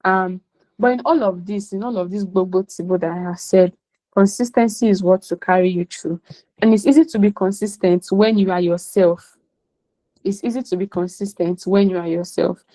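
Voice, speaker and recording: A woman's voice: medium pitch, steady tone, normal speed, mellow, low-quality recording. A woman with a Nigerian accent gives an emphatic motivational class talk as a career coach, slipping in Pidgin phrases.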